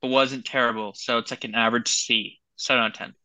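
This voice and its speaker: A man's voice: medium pitch, steady tone, fast, sharp tone, no room sound, rough recording. A man co-hosting a podcast, chatting casually in a laid-back way with plenty of fillers and slang. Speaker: podcast co-host. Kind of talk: casual chat.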